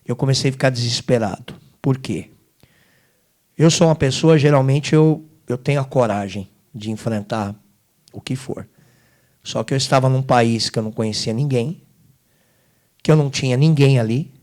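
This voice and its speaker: A middle-aged man, a guest singer giving an emotional testimony, swinging between loud emphasis and hushed low asides. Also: normal speed, pauses often.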